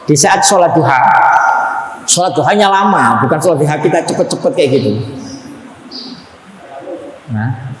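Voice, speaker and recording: A man's voice: fairly high pitch, animated, moderate pace, long pauses, a little hiss or hum. A male preacher telling a religious story in a sermon, acting out the lines of its characters and putting questions to the audience. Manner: acts out dialogue, asks audience questions. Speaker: kyai, preacher. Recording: echoey hall with long reverb.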